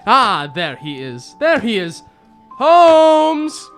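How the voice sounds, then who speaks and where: A man in a radio drama playing a bumbling, kindly gentleman doctor who blusters pompously and stammers when flustered. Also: extremely high pitch, wildly swooping pitch, drawn-out words, music in the background, exaggerated voice. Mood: indignant.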